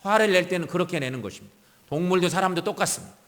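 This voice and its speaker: Lively preaching man in an echoey church. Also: sits high, very fast. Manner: preaching with strong swings between loud emphasis and soft asides. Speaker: pastor. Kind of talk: sermon. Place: church sanctuary.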